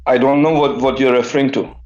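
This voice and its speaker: A man's voice: medium pitch, fairly even intonation, fast talker, a little mellow. A hesitant male caller on a dull line. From Switzerland. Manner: hesitant, many fillers and repeats. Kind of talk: phone-in debate.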